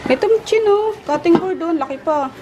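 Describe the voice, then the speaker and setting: Playful woman, high lively voice. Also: moderate pace. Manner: playful, laughing, coos baby talk at a pet dog. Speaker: vlogger. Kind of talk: casual family vlog chat. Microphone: handheld compact camera. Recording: noisy home camera audio.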